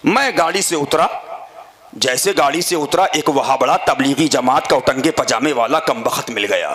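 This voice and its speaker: A man giving a sermon who shouts as he tells his stories, mimics the people he quotes, and calls on the audience to answer him. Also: medium pitch, moderate pace. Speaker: preacher. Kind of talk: sermon at a religious gathering.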